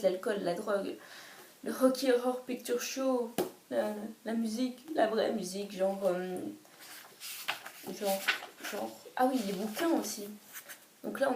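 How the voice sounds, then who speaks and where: A woman's voice: a little high, dark tone. A woman chatting casually about a favourite book, hesitant and full of restarts. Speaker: book vlogger. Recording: roomy echo, distant mic, faint hiss.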